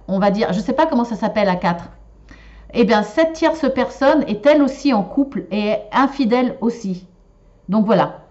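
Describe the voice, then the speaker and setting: A woman's voice: medium pitch, a little mellow. A woman giving a relationship card and shell reading to viewers, talking in a hesitant, casual way with many fillers and restarts. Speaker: tarot and shell reader. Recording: slightly dull lo-fi sound.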